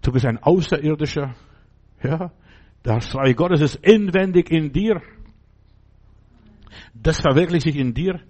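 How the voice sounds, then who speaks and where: A man's voice: a little high, measured pace, long pauses, mellow. A man preaching a sermon, talking straight to the listener and asking again and again whether they understand. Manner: speaks to the listener directly with repeated questions; emphatic, fervent preaching.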